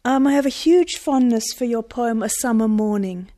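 Mellow, admiring woman from Scotland. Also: a little high, moderate pace. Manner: warm, admiring, gently enthusiastic. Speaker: interviewer. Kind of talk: interview questions.

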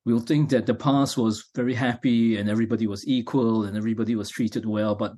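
A middle-aged man from Malaysia, a novelist answering interview questions in a halting way, with many restarts and fillers. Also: lowish voice, fairly even intonation, dark tone.

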